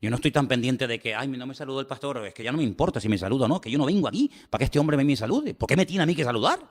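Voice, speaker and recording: Spanish pastor preaching in an echoing hall. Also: male voice, medium pitch, sing-song, rapid-fire. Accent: Spain Spanish. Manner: emphatic, repeats phrases, asks the congregation rhetorical questions. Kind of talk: sermon.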